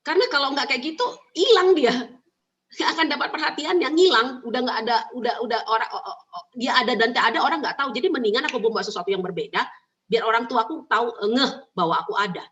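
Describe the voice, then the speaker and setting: A woman with a slightly high voice gives parenting advice in an emphatic, animated way and hammers home her key points. The recording is muffled and lo-fi. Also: quick pace. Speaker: parenting speaker. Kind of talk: advice talk answering questions.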